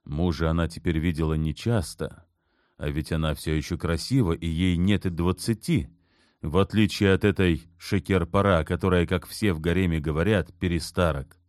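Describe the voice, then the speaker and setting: A man's voice: low voice, fairly even intonation, normal speed, darkish tone, no echo, studio quality. A man narrating a historical novel as an audiobook, reading dramatically and expressively.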